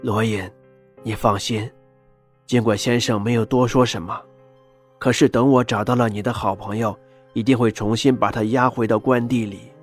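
A man's voice: medium pitch, steady tone, moderate pace, soft background music, close to an everyday voice. An actor playing a cold-blooded old male sorcerer who speaks curtly and with contempt. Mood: contemptuous. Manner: curt, contemptuous.

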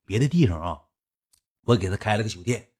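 A young man with a Northeastern Mandarin accent telling a casual anecdote in colloquial speech, animated and acting out the dialogue himself. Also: fairly low pitch, fairly quick, slightly rough. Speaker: storyteller.

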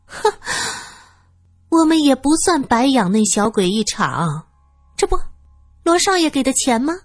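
A woman voicing a shrill, melodramatic middle-aged wife, a former dancer who whines and wails shamelessly in a storytelling recording. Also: very animated, unhurried, breathy edge, dry recording, faint music behind, exaggerated voice. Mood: gossipy. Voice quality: shrill, theatrical wailing.

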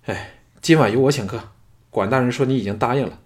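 A man doing a young noble, worried and earnest, talking fast and freely. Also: mid-range voice, natural voice. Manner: worried and candid. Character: troubled young male noble, talkative and earnest.

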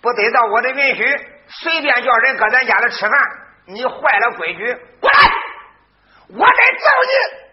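Casting: man playing a bossy, hot-headed teenage boy, shouting high. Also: fairly quick, highs cut off. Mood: furious. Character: brash violent 15-year-old boy, very strong.

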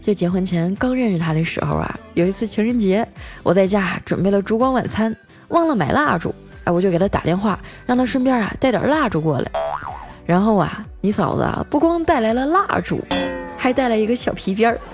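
A woman's voice: mid-range voice, animated, fairly quick, faint music behind, lightly acted. A woman telling it as a wry henpecked husband. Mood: rueful. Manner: sighing, storytelling tone. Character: boastful married man, wry and rueful.

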